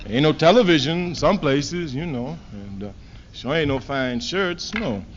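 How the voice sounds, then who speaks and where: A political speaker from Trinidad gives an emphatic, animated speech, driving his points home through repetition at a measured pace. His high voice swings widely, climbing to loud declarations and sinking to low asides. The audio is dull and muffled like an old archive recording, with slight background noise.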